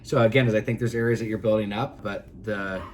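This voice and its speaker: Low-voiced man, earnest rambling podcast co-host. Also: fairly even intonation, quick pace, slight background noise. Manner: rambling, earnest, many fillers and restarts. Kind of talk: casual chat.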